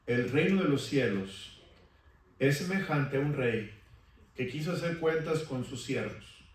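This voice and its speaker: A male pastor preaching a sermon in a church, asking the congregation questions for them to answer back. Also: medium pitch. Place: church sanctuary. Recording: echoey church from far off.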